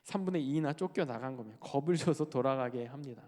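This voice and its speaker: Lively male preacher in a reverberant hall. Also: mid-range voice, quick pace. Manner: lively, talks to the congregation, slips into quoted speech. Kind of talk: sermon. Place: church sanctuary.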